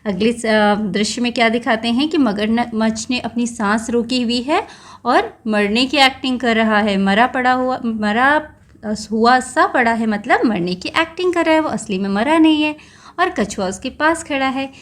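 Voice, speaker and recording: A woman's voice: a little high, normal speed. A woman teacher explaining a textbook story to young children, patiently stopping to explain words and phrases.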